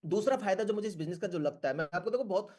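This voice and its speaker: A man's voice: sits high, lively intonation, rapid-fire, a little mellow. Earnest man giving a motivational talk. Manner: earnest, coaxing, keeps checking in with listeners. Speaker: network marketing speaker. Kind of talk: motivational talk to an online meeting.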